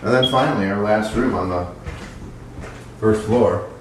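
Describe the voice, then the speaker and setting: A man's voice: lowish voice, unhurried, background noise. A man giving a casual, sarcastic and profane walkthrough of a run-down house he is renovating. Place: empty house interior. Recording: echoey bare rooms, mic at a distance.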